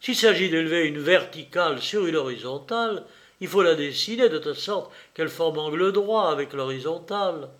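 A man's voice: fairly high pitch, lively intonation, moderate pace, a bit bright. A man voicing an impatient male army lieutenant in an audiobook, curt and commanding. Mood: lecturing. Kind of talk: audiobook character reading.

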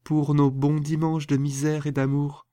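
A man's voice: sits high, fairly even intonation, a little slow, darkish tone, no echo, pitched above the performer's own voice. A man reading aloud voices a proud, passionate young woman in a storybook, with an impassioned, theatrical delivery. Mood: softening.

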